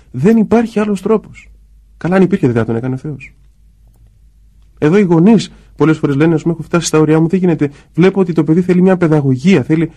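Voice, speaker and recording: A man's voice: fairly high pitch, husky. A man, a priest, talking about prayer in a conversational way and acting out quoted voices as he goes. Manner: acts out quoted voices in lively asides.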